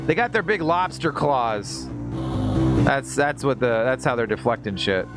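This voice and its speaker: Live streaming a video game, a man with a medium-pitched, expressive voice talks a little slowly. He chats with viewers in a rambling, jokey way and reacts aloud as he plays, with video game music behind him.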